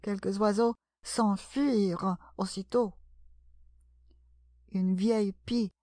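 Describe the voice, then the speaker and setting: Slow, measured woman narrator. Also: mid-range voice, steady tone, warm tone, no echo, studio quality. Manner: measured storytelling. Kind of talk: audiobook narration.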